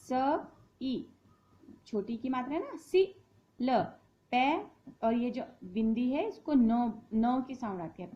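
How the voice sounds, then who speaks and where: A woman's voice: a little high, a little mellow, muffled recording. A woman teacher giving a patient lesson to young children, spelling words out sound by sound.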